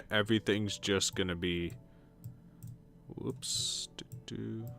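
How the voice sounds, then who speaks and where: A man's voice: on the low side, steady tone, slow pace, gravelly, a bit bright, soft background music. A man casually commenting as he plays a decorating game on stream, muttering to himself as he places furniture. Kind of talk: casual let's-play commentary.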